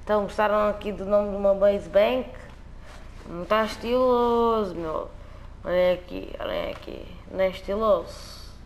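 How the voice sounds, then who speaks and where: A man with a European Portuguese accent jokes around in slangy, repetitive banter while playing a video game, giving casual commentary. His voice sits high with fairly even intonation and a moderate pace, and there's slight background noise.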